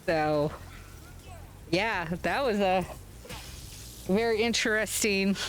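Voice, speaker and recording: Playing a game at home, a woman from the US hosts a stream and talks casually into her webcam mic. Her voice sits in the mid range, with slight background noise, and her rambling, relaxed chatter is sprinkled with fillers and chuckles.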